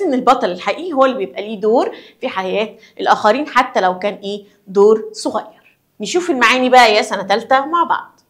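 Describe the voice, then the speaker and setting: A woman's voice: a little high, fairly bright tone. A woman with an Egyptian accent explaining a school lesson to young children, asking questions and answering them herself. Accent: Egyptian Arabic. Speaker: primary school teacher.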